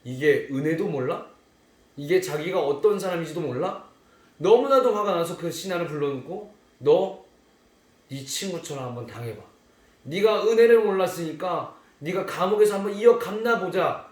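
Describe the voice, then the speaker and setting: A man's voice: fairly high pitch, expressive, moderate pace, close to an everyday voice. A man voicing a stern king who scolds an ungrateful servant, in an echoey room. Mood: angry.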